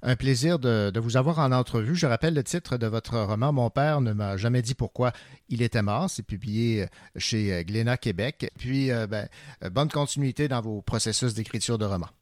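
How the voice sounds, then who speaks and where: Relaxed radio host. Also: male voice, mid-range voice, normal speed, dry recording, studio quality. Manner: relaxed, short interjections. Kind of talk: radio interview.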